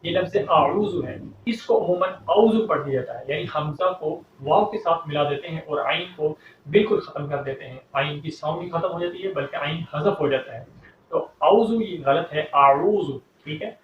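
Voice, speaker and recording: A man teaching a step-by-step recitation lesson, explaining calmly and pausing to chant verses slowly. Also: a little high. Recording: echoey, distant, dull lo-fi recording with faint hum.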